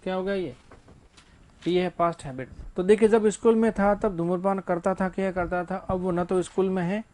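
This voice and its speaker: In a classroom grammar lecture, a male English teacher with a high-pitched voice asks rhetorical questions and then answers them. He adds casual, joking asides along the way.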